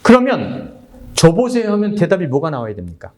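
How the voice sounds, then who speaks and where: A man's voice: a little high, big pitch swings, moderate pace, darkish tone. A middle-aged male pastor giving a conversational sermon, retelling a Bible story in acted dialogue and putting questions to the congregation. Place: church sanctuary.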